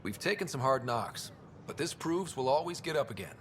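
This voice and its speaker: A man's voice: medium pitch, big pitch swings, a little fast, slight background noise, natural voice. A man voicing a young male explorer leader who talks in a dry, easygoing way.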